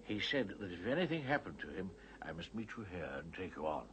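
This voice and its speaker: An actor voicing a kindly, wary talking beaver in a children's fantasy audio drama, conspiratorial and often dropping into whispers. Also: male voice, deep voice, big pitch swings, brisk, background noise. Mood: secretive, earnest. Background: music.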